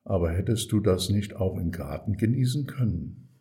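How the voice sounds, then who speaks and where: A man voicing a friendly firefighter calming a boy on a roof, in a children's storybook reading. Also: lowish voice, moderate pace. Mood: reassuring. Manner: friendly, reassuring. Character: kind calm adult male firefighter.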